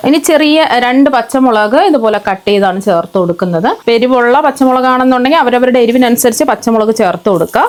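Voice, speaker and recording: A woman hosting a cooking channel, explaining a recipe step by step in a steady voice-over. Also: sits high.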